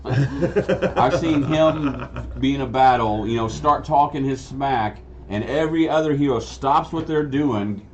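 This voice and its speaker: A man's voice: medium pitch, a little hiss or hum. A man chatting casually as host, rambling and storytelling about running tabletop games. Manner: rambling, many restarts, storytelling. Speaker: game master and crafting host. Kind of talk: casual chat. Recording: dull lo-fi sound, faint ambience.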